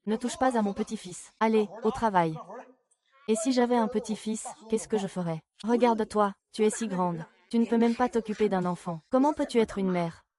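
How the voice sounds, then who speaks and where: A woman's voice: mid-range voice, normal speed, lightly acted. A woman dubbing dialogue for a family drama with an emotional delivery. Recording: loud crowd noise behind.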